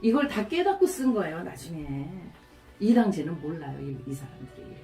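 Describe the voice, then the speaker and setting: A middle-aged woman pastor delivering a sermon, telling stories with animated, acted-out quotes. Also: low-pitched, normal speed. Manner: storytelling, animated, acts out quotes. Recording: roomy, from a distance, faint music.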